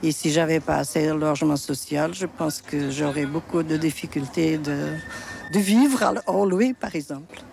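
Older woman, gravelly voice, Portuguese origin, frank and plain-spoken, street interview. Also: deep voice, moderate pace, darkish tone, slight background noise.

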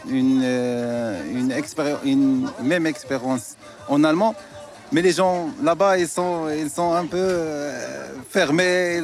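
Halting man with music under his voice. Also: fairly high pitch. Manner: halting, searching for words. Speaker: interviewee.

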